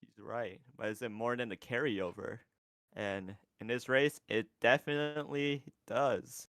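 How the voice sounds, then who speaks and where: A man casting an online racing tournament, getting loud and excited during the race calls. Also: medium pitch, clean tone, dry recording. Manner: excitable, rises to loud fast calls at the finish. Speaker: tournament caster. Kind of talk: esports race commentary.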